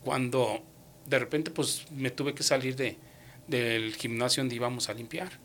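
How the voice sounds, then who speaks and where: A man giving a personal faith testimony, retelling conversations with lively, acted-out dialogue and dropping English words into his speech. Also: medium pitch, measured pace, slight background noise.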